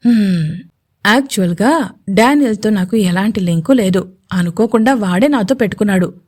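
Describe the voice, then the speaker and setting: A woman's voice: medium pitch, moderate pace, darkish tone, natural voice. A woman voicing a young male CEO in a romantic audio story, playful and teasing in manner. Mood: tender.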